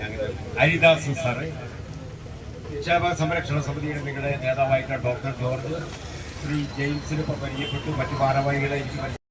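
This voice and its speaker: A man addressing a protest rally in slow, deliberate public-speech style. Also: medium pitch, steady tone. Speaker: speaker at a protest. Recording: distant mic with crowd noise.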